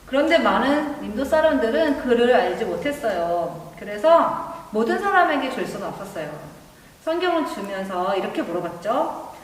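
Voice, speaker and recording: A woman's voice: fairly high pitch, big pitch swings, moderate pace. A woman telling a story to children as a Sunday school teacher, narrating in an explanatory way. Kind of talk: storytelling to children, missionary tale. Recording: very echoey hall, distant microphone.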